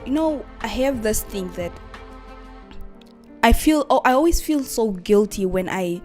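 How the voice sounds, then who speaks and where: A woman's voice: fairly high pitch, expressive, unhurried, dark tone, soft background music. A woman contributing to a radio show, talking earnestly and asking rhetorical questions. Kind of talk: casual radio chat.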